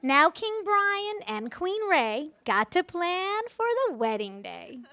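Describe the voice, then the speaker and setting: A woman speaks live to wedding guests as a friend of the bride, using a very high-pitched, sing-song voice that is bright and forceful, at a slow pace. She playfully and theatrically reads part of a rhyming storybook during her speech.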